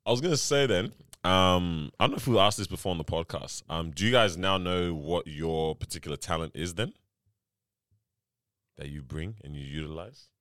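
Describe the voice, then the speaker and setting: Very deep-voiced man in casual banter. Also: normal speed, fairly bright tone, no room sound, clean studio sound. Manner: slangy, jokey. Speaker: podcast co-host.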